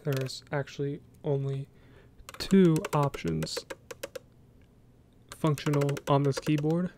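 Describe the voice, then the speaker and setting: An American man hosting a soft-spoken ASMR show-and-tell, talking in a casual, rambling, hesitant way. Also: a little high, steady tone, takes it slowly, noisy background. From United States. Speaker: ASMR video host.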